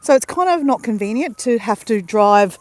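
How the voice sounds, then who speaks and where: A woman's voice: on the high side, animated, normal speed. Bubbly Australian woman chatting on a beach. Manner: bubbly, rambling, talks to viewers. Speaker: vlogger on a live stream. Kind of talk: chatty live stream. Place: outdoors on a beach at sunrise. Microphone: handheld phone camera.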